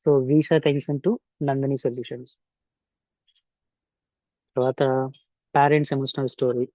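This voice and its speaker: A Telugu man talks through an informal tutorial, blending Telugu and English as he goes. His voice is soft-edged and mellow. The recording is dull and lo-fi, as a voice-over made indoors. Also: mid-range voice, flat delivery, measured pace, no echo. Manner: mixes Telugu and English mid-sentence. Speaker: tutorial instructor. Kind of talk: informal software tutorial narration.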